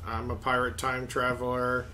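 Very deep-voiced woman co-player. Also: completely flat delivery, moderate pace, pushed and bright, a little hiss or hum. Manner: joking, rambling, lots of fillers. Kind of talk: casual gaming chat.

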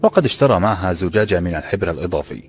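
A man narrating an audiobook in steady, formal classical Arabic. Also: sits low, rapid-fire, breathy edge, faint music behind.

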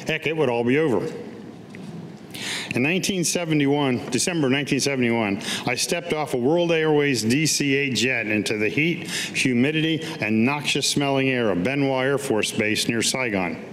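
An older American veteran reads his own autobiographical writing aloud from a podium in a public meeting room, speaking into a gooseneck mic. His medium-pitched, fairly bright voice moves at a normal speed in a scripted, staged reading. The hall is echoey, with faint background noise.

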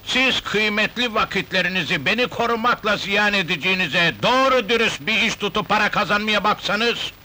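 An actor playing a carefree, defiant wealthy old father who laughs loudly and talks theatrically in a 1970s film. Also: high-pitched, fairly quick, few pauses, low-quality recording. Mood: boisterous.

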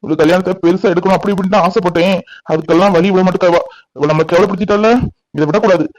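Man voicing a cartoon father, anxious, hot-tempered, high voice. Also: fairly even intonation, lightly acted, low-quality recording. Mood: angry. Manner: anxious, agitated, fast.

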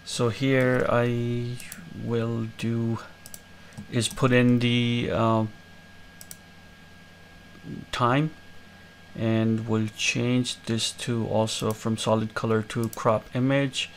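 Man, tutorial host, gravelly voice, relaxed step-by-step explaining, frequent fillers, faint background hiss. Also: mid-range voice, very slow. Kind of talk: screen-recorded coding tutorial.

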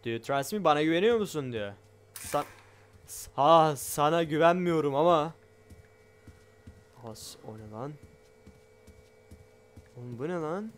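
A man giving excitable let's play commentary on a game, loud and jumpy, swearing often and talking straight to his viewers. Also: fairly high pitch, slow pace, pauses often. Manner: loud, shouts a lot. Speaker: gaming YouTuber.

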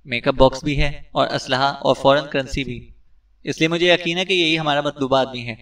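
A man's voice: medium pitch, fairly even intonation, a bit bright, distant mic, natural voice. A man voicing a male intelligence agent who gives a respectful, thorough report to his chief.

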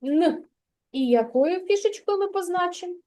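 A woman preschool teacher with a Ukrainian accent giving a slow, patient literacy lesson, sounding out words for a child. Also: very high-pitched, animated, dark tone.

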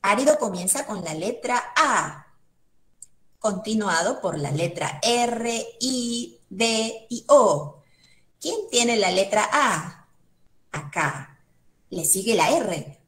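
A woman with a Peruvian Spanish accent teaches an online class and talks children slowly through a word search. Her pitch sits in the middle of the usual range, and her voice rings in a roomy, echoing space. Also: lively intonation. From Peru. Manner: slow, patient, thinks aloud step by step. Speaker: museum educator.

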